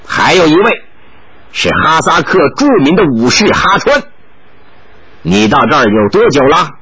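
A man's voice: on the high side, big pitch swings, unhurried, sharp tone, muffled recording, heavily acted. A man voicing a sly, grinning young man who teases and taunts. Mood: taunting. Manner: teasing, mocking.

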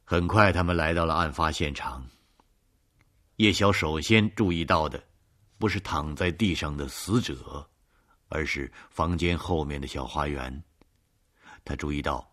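A man with an extremely deep, low voice reads a mystery story aloud. His delivery is steady and even, like a scripted audiobook narration.

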